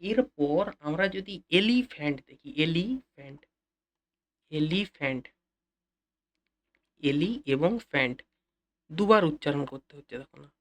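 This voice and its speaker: A man's voice: on the high side, lively intonation. Repetitive Bengali-accented male teacher. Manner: repeats key phrases slowly, addresses students directly. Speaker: English teacher. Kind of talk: classroom-style lesson explanation.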